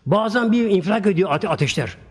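Guy preaching a sermon, tells a story and plays out the dialogue, voice sits a bit high, echoey hall. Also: lively intonation, fast talker, breathy edge. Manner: retells a story, acting out the quoted speech.

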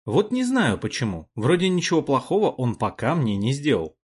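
Husky man narrating an audiobook. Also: medium pitch, moderate pace. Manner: wry, expressive storytelling. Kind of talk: first-person audiobook narration.

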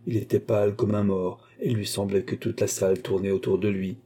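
A man reading a novel aloud in measured audiobook narration. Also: fairly low pitch, flat delivery, warm tone, breathy edge. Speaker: reader.

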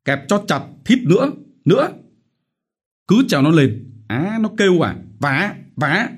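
Brutal bullying village chief, shouting curses, high and loud, husky edge, voiced by a man, audiobook. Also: big pitch swings, normal speed. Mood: furious.

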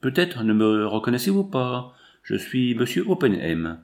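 A man's voice: mid-range voice, big pitch swings, unhurried, darkish tone. A man voicing a portly, self-satisfied businessman who talks in an unctuous, pompous way. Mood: smug. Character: smug, portly male banker-saloon owner, self-satisfied.

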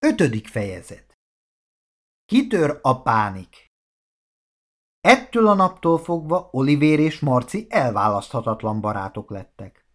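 A male narrator reads a children's storybook with animated, expressive delivery. His voice sits at an ordinary middle pitch but swings widely, rising and falling in a lively melody. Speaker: audiobook narrator.

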